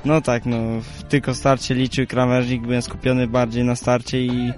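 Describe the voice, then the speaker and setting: A man's voice: medium pitch, little pitch movement, normal speed, darkish tone, faint music behind. A young man, a junior rider, giving plain brief answers in a post-race interview.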